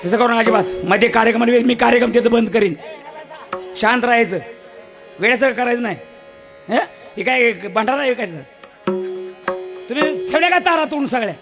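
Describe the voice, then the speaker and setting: A man delivers a comic folk sermon to a village crowd, loud and preachy. His voice is very high, bright and gravelly, with faint music behind him. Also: a little fast, pauses often. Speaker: bharud folk performer.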